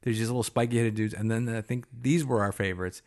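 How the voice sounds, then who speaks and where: A man's voice: mid-range voice, fairly even intonation, a little mellow. Laughing, swearing casual male co-host. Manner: laughing, swearing, quick asides. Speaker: podcast co-host. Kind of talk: casual game-retrospective chat.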